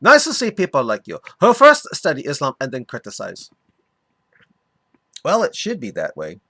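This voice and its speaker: Lecturing Pakistani man, mock foreign accent, bright, dry, as a man puts him on. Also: mid-range voice, wildly swooping pitch, normal speed, husky, no room sound, heavily acted. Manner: earnest, lecturing.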